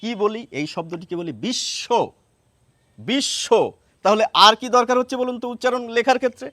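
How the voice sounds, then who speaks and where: A man teaching a lesson, explaining step by step and repeating words slowly to show how they sound. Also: very high voice, sharp tone, no echo, clean studio sound. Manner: explains step by step, asks rhetorical questions.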